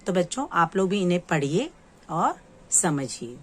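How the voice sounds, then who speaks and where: A woman teaching young children, reading words aloud slowly for them to repeat and explaining each one patiently. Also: on the low side, sing-song, breathy edge. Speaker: primary school teacher. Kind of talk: slow, clear classroom lesson for young children.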